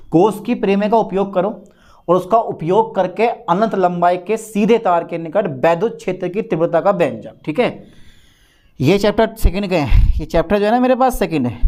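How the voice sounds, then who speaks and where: Guy teaching physics for exams, pretty high voice, keeps repeating the important bits slow. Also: darkish tone. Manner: repeats key phrases slowly, stressing exam importance. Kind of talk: exam-prep lesson.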